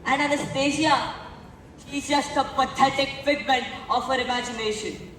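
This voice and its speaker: Greedy scheming heir played by a student, fairly high, distant in a roomy hall. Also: steady tone, normal speed, a bit bright, a little hiss or hum. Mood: scornful. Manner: scornful, plotting. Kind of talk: school stage play. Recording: echoey hall from far off.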